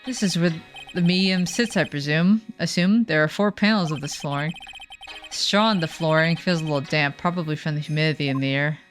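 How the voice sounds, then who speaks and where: A woman's voice: sits low, a little fast. A woman streamer reading game text aloud with wry, chatty asides, faint game music behind.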